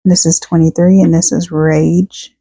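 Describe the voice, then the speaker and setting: A woman's voice: lowish voice, little pitch movement, unhurried, dark tone, slightly rough, no echo, poor audio. A woman doing a casual tarot reading for her viewers, chatting and reading card texts aloud, tired and yawning. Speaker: tarot reader.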